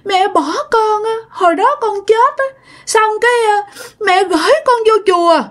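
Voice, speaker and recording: A woman's voice: extremely high pitch, measured pace, a bit bright, voice pushed up. A woman voicing a sulky, sobbing toddler spirit speaking through a medium, whiny and childlike.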